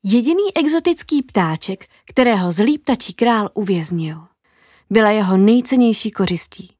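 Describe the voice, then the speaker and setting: A woman narrating a children's fairy tale in an expressive, lively storytelling manner with dramatic pauses. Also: mid-range voice, husky, no echo, clean studio sound.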